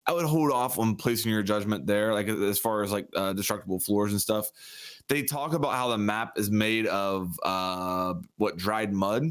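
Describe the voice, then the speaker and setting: A man with a somewhat low voice joins a gaming podcast chat. He talks hesitantly, starting over and filling pauses as he gathers his thoughts. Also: smooth. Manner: hesitant, filler-heavy.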